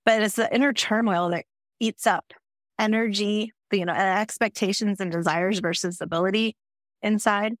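A woman's voice: medium pitch, steady tone, normal speed, no echo, studio quality. Thoughtful woman hosting a podcast. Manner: thoughtful, empathetic, asks open questions. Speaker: podcast host. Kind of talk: conversational interview.

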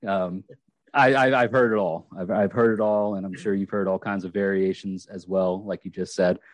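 A man's voice: low-pitched, steady tone, normal speed, dry recording. A man hosting a casual podcast, rambling with many fillers and restarts. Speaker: podcast host.

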